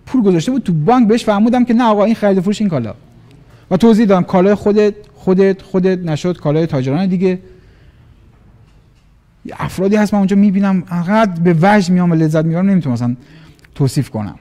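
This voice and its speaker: A man giving an animated motivational business talk, acting out little dialogues in different voices. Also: high voice. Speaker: business trainer.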